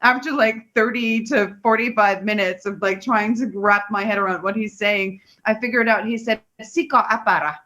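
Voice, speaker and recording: A woman from Finland, chatting casually in a blunt, jokey, animated manner. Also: mid-range voice, normal speed, hardly any pauses. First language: Finnish. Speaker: podcast co-host. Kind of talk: casual chat, anecdote telling.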